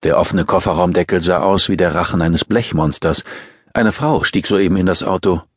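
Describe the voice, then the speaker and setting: Man reading a thriller audiobook, low husky voice, dry close sound. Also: steady tone, no echo. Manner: measured, tense storytelling. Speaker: audiobook narrator. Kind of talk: scripted thriller narration.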